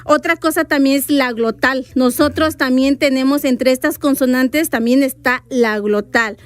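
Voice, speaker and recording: In a radio interview, a Zoque-speaking woman from Veracruz, Mexico, patiently spells out words while explaining how her language is written. Her voice is high and her pace is moderate, on a dry recording.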